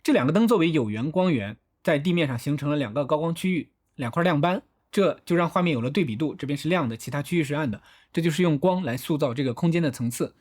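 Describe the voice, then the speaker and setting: Fast-talking husky man breaking down films. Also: fairly high pitch, expressive, a little mellow. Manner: methodical, talks through each shot step by step. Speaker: film analysis host. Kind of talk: explanatory film breakdown narration.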